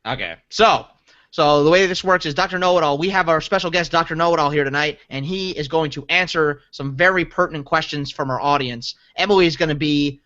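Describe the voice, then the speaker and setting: A young man riffs and laughs his way through a long story on a casual podcast. His voice is bright and sits a little high. The audio is dull and lo-fi. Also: brisk. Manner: rambling, laughing, jokey storytelling. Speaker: podcast co-host.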